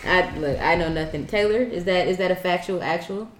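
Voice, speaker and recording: A woman co-hosting a podcast, telling stories in an animated, joking casual chat. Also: on the low side, fairly quick, roomy sound, slight background noise. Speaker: podcast co-host.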